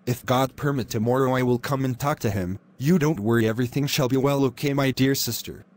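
Brief: a man playing a calm, reassuring pastor, soothing delivery. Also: medium pitch, brisk, natural voice. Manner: soothing, consoling. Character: gentle, reassuring male pastor. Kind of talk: animated drama voice acting.

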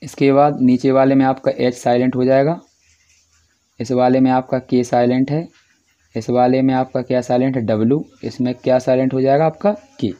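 A man's voice: medium pitch, flat delivery, moderate pace, warm tone. A man acting as teacher, walking through textbook answers step by step and repeating filler phrases as he goes. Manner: repetitive, fills with "yahan par". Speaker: teacher solving textbook exercises.

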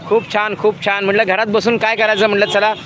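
Brief: fifties male live-streamer, slightly high voice, rambling and friendly, outdoor phone audio with faint traffic behind. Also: little pitch movement, fast, a bit bright. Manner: chatty, with many fillers and restarts. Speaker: vlogger. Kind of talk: live-stream walking vlog. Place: outdoors on a city road at night.

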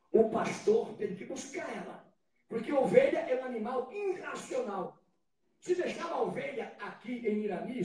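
A high-pitched Brazilian preacher with a lively, swooping voice acts out the scenes of his sermon and bursts into shouts. He is heard from a distance in a very echoey church hall. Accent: Brazilian Portuguese. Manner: dramatic storytelling, acting out scenes, sudden shouts.

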